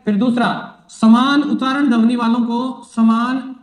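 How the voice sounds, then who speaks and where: A man lectures like a coaching teacher and drills students by repeating each phrase several times. His voice sits very high for a man. The room around him is echoey. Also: normal speed, a little mellow. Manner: repetitive, drills phrases, asks and answers own questions. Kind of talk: exam-prep classroom lecture.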